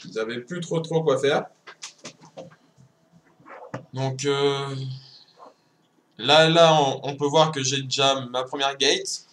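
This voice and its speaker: Young male co-commentator, calm short explanations, mid pitch, faint hiss. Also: slow pace, long pauses. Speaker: gameplay co-commentator. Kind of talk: casual game commentary.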